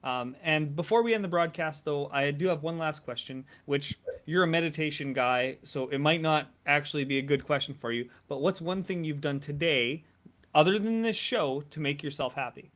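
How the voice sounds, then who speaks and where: A man's voice: fairly high pitch, normal speed, a bit bright. A man hosting a live interview show over a video call, upbeat and friendly, with frequent restarts. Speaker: host. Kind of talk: casual interview chat.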